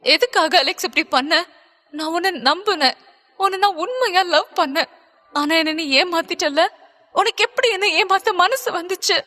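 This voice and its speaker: A woman's voice: high voice, lively intonation, brisk, sharp tone, long reverb tail, heavily acted. A woman voicing a hurt and angry young woman who accuses her lover, in an audiobook. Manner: accusing, bitter, pleading.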